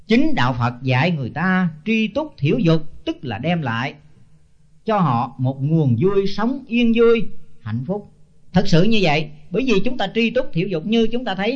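An older man, a senior Buddhist monk giving a blunt, scolding sermon full of rhetorical questions. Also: high-pitched. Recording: dull lo-fi tape.

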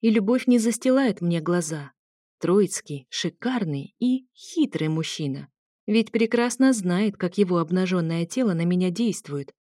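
Female audiobook narrator, intimate romance read, dark-toned, dry booth. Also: lowish voice, animated, measured pace, dry recording. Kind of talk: first-person romance narration.

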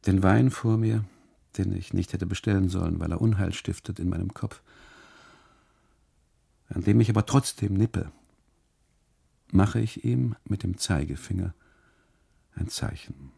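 An actor playing a brooding, weary husband on an unhappy holiday, narrating his thoughts slowly and inwardly in a radio drama monologue. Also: warm tone, no echo, studio quality, heavily acted. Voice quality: gravelly, husky low voice. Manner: slow, inward, musing delivery.

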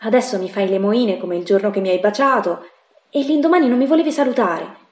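A woman reading an audiobook, voicing an earnest young man who speaks softly and steadily. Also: medium pitch, brisk, lightly acted. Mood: gentle. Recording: echoey room.

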